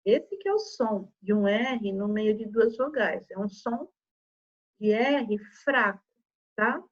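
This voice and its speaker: A woman's voice: medium pitch, muffled recording. A woman teaching young children a remote lesson, sounding out words syllable by syllable and checking in with "tá?" after each point. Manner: slow, syllable-by-syllable dictation with frequent "tá?" checks. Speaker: primary school teacher.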